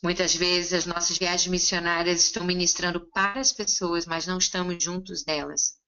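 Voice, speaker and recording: A woman interpreting a seminar consecutively, relaying each line in a steady, conversational way. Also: on the low side, fairly quick, clean tone, highs cut off.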